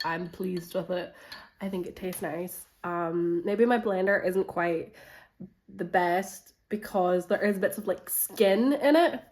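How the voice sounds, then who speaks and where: Recorded from a distant mic in an echoey home kitchen, a woman with a stuffy cold speaks slowly in a fairly low, darkish voice. She's a book vlogger in casual vlog mode, chatty and rambling, filling gaps with lots of fillers.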